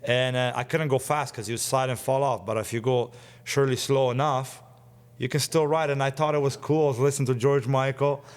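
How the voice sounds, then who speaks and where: Chatty man in his forties, middle pitch. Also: steady tone, brisk, smooth. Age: 40s. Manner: eager, rambling, chuckles often. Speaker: guest. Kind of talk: casual storytelling chat.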